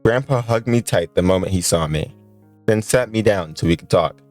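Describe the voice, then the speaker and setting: A man's voice: low-pitched, moderate pace, darkish tone, faint music behind. A man streaming a visual novel, joking and chatting with his viewers as he reads. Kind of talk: casual let's-play commentary.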